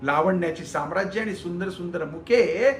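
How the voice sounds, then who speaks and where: A man telling a spiritual scripture story as host, in an expressive, vivid way that addresses viewers directly. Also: sits high, normal speed, echoey room, a little hiss or hum.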